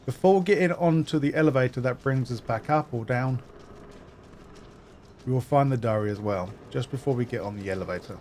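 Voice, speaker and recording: A man's voice: medium pitch, brisk. Guy doing a game walkthrough, plain mid voice, step by step, faint noise behind. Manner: instructive, step-by-step, steady. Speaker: gaming guide narrator. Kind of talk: walkthrough commentary.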